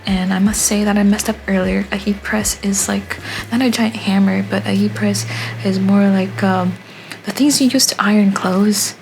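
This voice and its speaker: A young art vlogger whose first language is Haitian Creole narrates her vlog in a soft, rambling voice-over at an ordinary middle pitch with a steady, creaky tone. She often pauses on filler words, and faint hiss runs under the low-quality recording.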